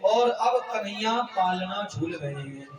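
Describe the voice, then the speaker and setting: High-voiced man telling a devotional story. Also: animated, takes it slowly, echoey room, distant mic, over music, rough recording. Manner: tells the story in voiced dialogue, breaks into sung Sanskrit verses. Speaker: kathavachak, storyteller preacher. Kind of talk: devotional scripture recitation and storytelling.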